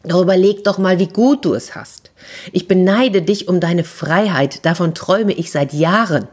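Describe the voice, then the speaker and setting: A woman's voice: fairly low pitch, normal speed, a little mellow, lightly acted. A woman voicing a lonely caged mare who longs for freedom, in a storybook reading. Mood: wistful. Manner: wistful, then eagerly conspiratorial. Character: lonely caged female horse, yearning for freedom.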